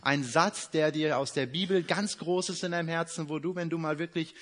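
A man's voice: a little high, steady tone, a little fast, a bit bright. A young man from Iran, raised in Germany, preaching a sermon in a casual, joking way, with many fillers. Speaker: guest preacher. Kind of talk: sermon with personal introduction.

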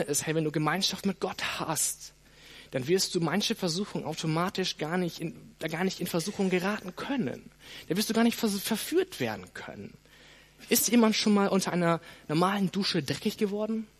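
This sermon comes from a man whose voice sits high and moves at a normal speed. He addresses listeners directly, frequently using "hey" and "ne?", in a lively, varied style.

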